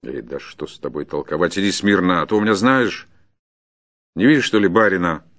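A man voicing a gruff, stern forest warden in an audiobook, speaking in blunt, clipped, commanding phrases. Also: low voice, fairly quick, a bit bright. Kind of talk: audiobook character voice.

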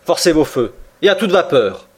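A man's voice: on the high side, sing-song, normal speed, breathy edge, pitched above the performer's own voice. A man voicing an impatient male frigate captain who barks short orders. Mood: commanding. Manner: curt, barked orders.

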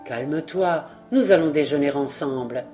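A woman reading a novel aloud, voicing a weary, detached male journalist in a low, slow, flat voice. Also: faint music behind. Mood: subdued.

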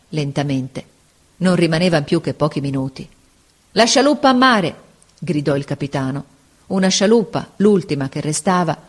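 Low-voiced woman reading a story. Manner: expressive, measured narration. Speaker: audiobook narrator.

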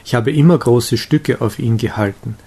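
A man's voice: medium pitch, moderate pace, dark tone, slightly rough. Eager carefree young wanderer, read by a man. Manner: eager, exclaiming. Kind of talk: audiobook reading of a romantic novella.

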